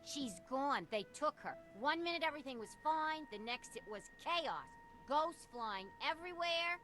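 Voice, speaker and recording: Janine, a flustered chatty receptionist. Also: female voice, high-pitched, animated, normal speed, fairly bright tone, faint music behind. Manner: rambling, talkative. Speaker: receptionist of the ghost-busting team. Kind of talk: video game cutscene acting.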